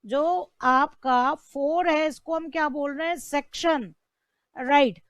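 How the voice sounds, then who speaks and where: A woman's voice: sits high, slow, no room sound. A woman teaching an online law lecture, asking rhetorical questions and repeating key terms.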